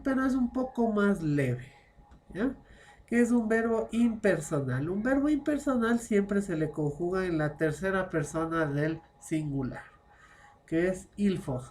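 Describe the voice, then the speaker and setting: A woman's voice: medium pitch, animated, unhurried, darkish tone, slight background noise. A woman teaching a French class online, explaining patiently and constantly checking understanding with short tag questions. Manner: explains patiently, mixing French phrases into Spanish.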